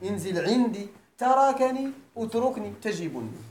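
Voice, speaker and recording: An animated, brisk man with a high, slightly mellow voice gives an Arabic grammar lecture in a Moroccan Arabic accent. At the Quran school he frequently quizzes the class and checks comprehension, recorded in an echoey room with faint noise.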